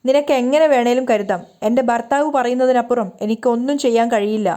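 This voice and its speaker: A woman's voice: on the high side, a little fast, warm tone, natural voice. A woman reading the lines of a protective young woman who scolds firmly, in her own voice. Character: firm protective young woman, sharp-tongued.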